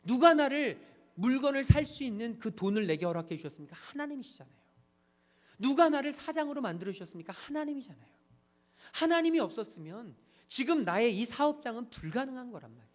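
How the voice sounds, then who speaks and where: A male pastor preaching with a high, lively voice that swings widely in pitch. He leans on rhetorical questions and emphatic repetition as he addresses the congregation. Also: fast. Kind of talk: sermon.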